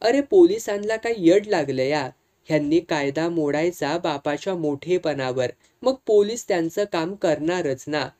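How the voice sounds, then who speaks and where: A reader voicing a calm, blunt older man messenger speaking rural dialect. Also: medium pitch, unhurried, close to an everyday voice.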